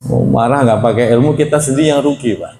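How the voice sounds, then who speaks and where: A man teaching a Quran study lecture in a casual, conversational way, often addressing his listeners as sir, and reading Arabic phrases slowly before explaining them. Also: medium pitch, vocal fry, dark tone, echoey room, a little hiss or hum. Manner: conversational, addresses audience as Pak.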